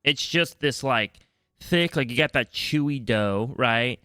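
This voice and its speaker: Bright, crisp groggy podcast host. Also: male voice, medium pitch, slow pace, no room sound, clean studio sound. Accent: Northeastern US. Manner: joking, rambling, repeats himself. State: groggy morning voice. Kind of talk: casual chat.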